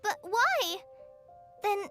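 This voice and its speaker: A woman voicing a tiny, excitable, inquisitive childlike companion in a video game, squeaky and exclamatory. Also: extremely slow, soft background music, full character voice. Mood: puzzled.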